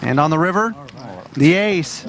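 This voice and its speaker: A man's voice: a little high, unhurried, fairly bright tone, a little hiss or hum. A man giving plain, matter-of-fact play-by-play on a poker tournament. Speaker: poker commentator.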